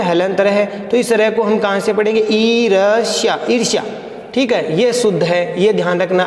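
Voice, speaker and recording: A male lecturer with a fairly high voice talks students through a grammar lesson. He repeats each word slowly and keeps checking that the class follows. The recording rings with a long, roomy echo. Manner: patient, repeats words slowly with many check-ins. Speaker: college Hindi lecturer. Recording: echoey room with long reverb.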